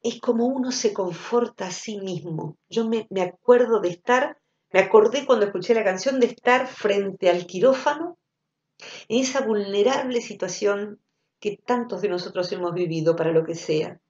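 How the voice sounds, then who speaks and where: Argentine lady talking slow and reflective, goes soft and murmury, bit of a muffled recording. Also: mid-range voice, echoey room. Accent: Argentine Spanish. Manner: thoughtful, intimate, drops to soft murmurs. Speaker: speaker giving a recorded talk, former psychotherapist. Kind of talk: reflective spoken talk. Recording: dull lo-fi audio.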